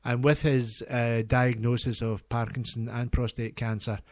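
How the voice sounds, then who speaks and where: A man hosting community radio talks earnestly and with real enthusiasm, his delivery halting and chatty. His mid-range voice comes through a close studio mic with a dry, dead sound and no room around it. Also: mid-range voice, little pitch movement, darkish tone, no echo. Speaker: radio presenter.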